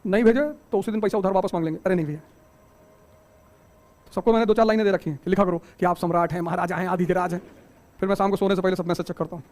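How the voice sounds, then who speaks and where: Teaching a coaching class at a very fast clip, a middle-aged man with a high voice gives a spirited motivational talk built on rhetorical questions and joking asides.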